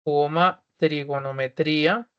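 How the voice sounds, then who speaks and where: A man's voice: a little high, fairly even intonation, slow pace, smooth, lo-fi sound. Patient man guiding an online class. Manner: patient, repeats each step, asks if everyone is ready. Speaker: teacher.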